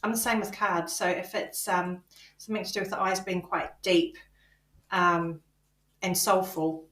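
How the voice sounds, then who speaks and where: A woman's voice: lowish voice, steady tone, a bit bright. A British woman co-hosting a podcast, chatting casually about spiritual experiences, with frequent ums and easy laughter. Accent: British English. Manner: laughs easily, halting with many ums. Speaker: podcast co-host. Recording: echoey, boxy room sound.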